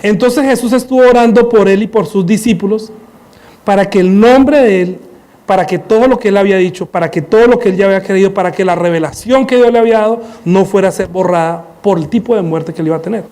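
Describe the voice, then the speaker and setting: A man preaches a sermon in church through a headset mic, speaking fast in a high voice. He is animated, acting out scenes and firing off rhetorical questions.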